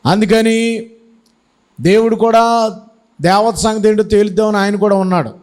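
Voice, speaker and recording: A man's voice: high-pitched, steady tone, normal speed, a little mellow. A male pastor preaching a sermon, retelling a story emphatically and asking the congregation questions.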